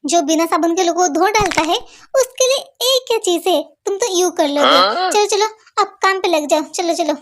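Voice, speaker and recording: A woman's voice: very high voice, normal speed. A woman voicing every part of a fan-made dub, with playful, teasing lines. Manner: playful, teasing, animated dialogue. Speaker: fan dub voice-over artist. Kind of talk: hindi fan-dub dialogue acting. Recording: noisy home recording.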